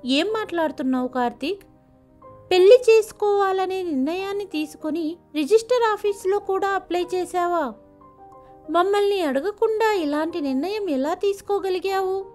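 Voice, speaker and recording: A woman's voice: sits high, lively intonation, measured pace, dark tone, soft background music. A woman voicing an anxious, retired older father who questions his son in shock.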